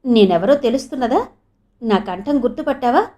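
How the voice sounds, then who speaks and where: A woman voicing a gentle, soothing young man. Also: on the high side, normal speed, lightly acted. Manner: soft, calm, reassuring.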